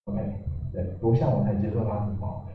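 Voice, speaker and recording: Halting man lecturing in echoey room. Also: lowish voice, a little hiss or hum. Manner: halting, many fillers and restarts. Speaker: meetup speaker. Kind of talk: technical talk with slides. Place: meetup room. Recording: echoey room, far from mic, tinny.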